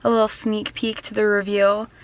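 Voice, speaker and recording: A young woman chatting casually to her vlog in a bubbly, excited sorority-girl manner. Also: mid-range voice, normal speed. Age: young adult. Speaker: vlogger. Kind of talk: casual vlog chat to camera.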